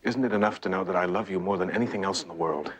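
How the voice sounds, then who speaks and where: A man acts a smooth husband with something to hide in a television crime drama. He speaks quickly in a slightly low voice, staying evasive. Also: noisy background, natural voice. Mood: loving, resigned.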